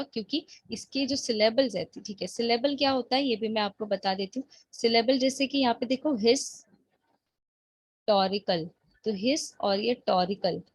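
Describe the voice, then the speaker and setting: A woman teaching an English grammar lesson, explaining patiently and reading example sentences slowly. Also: medium pitch, breathy edge, dry recording. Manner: patient, explains slowly, checks in with the listener often.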